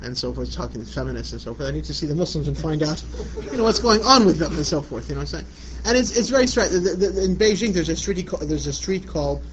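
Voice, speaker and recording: An Iraqi man, an Islamic lecturer, answers a question in a religious lecture, speaking fast in a rather high voice. He's casual, chatty and conversational, repeating "you know what I'm saying," and the recording is muffled and lo-fi with light background noise.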